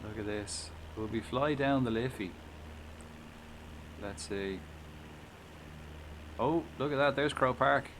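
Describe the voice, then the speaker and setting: A man's voice: mid-range voice, slow, long pauses, a bit bright, low-quality recording. Sweary Irish man streaming over engine noise. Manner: sweary, rambling, chatting back to viewers. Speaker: game live streamer. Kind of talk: casual live gaming commentary while playing a flight simulator.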